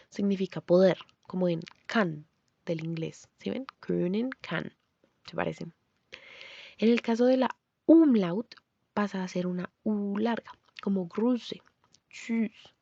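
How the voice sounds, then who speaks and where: Dark-voiced woman teaching pronunciation. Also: medium pitch, no echo, highs cut off. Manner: explains clearly, then pronounces example words slowly. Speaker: language teacher. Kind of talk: scripted phonetics lesson.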